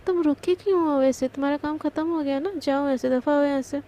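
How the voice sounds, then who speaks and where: A woman's voice: sits high, fast, mellow, close to an everyday voice. A woman voicing Palak, a curt, prickly young female boss who snaps and dismisses people in a told story. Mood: irritated. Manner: snappish, dismissive.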